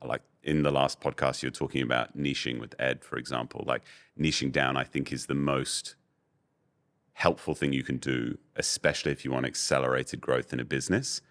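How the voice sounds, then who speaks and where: A young man with a strikingly deep, low voice talks as a guest on a podcast. He tells relaxed, candid stories and leans on plenty of fillers as he goes. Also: moderate pace. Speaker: guest, voice-over artist and agency owner. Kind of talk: casual podcast interview.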